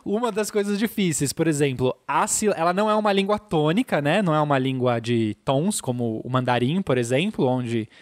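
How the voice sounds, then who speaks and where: A man's voice: on the high side, animated, fairly quick, few pauses, no echo. A man with a Brazilian Portuguese accent, a podcast co-host patiently explaining things in casual chat, often adding "né?". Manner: patient explainer, peppers sentences with "né?".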